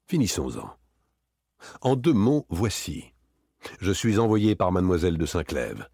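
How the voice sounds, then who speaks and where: A man's voice: low-pitched, sing-song, a little slow, vocal fry, mellow, breathy edge, no room sound, studio quality, exaggerated voice. A man voicing a cold, relentless former police inspector, talking dryly, hard and with precision. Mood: accusing.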